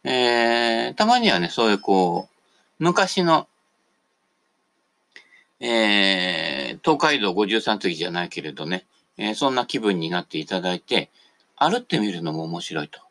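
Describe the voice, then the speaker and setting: A man's voice: fairly low pitch, sing-song, measured pace, fairly bright tone. A man hosting a casual radio talk monologue, chatty and digressive, tagging the ends of his phrases. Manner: digressive, jumps between topics.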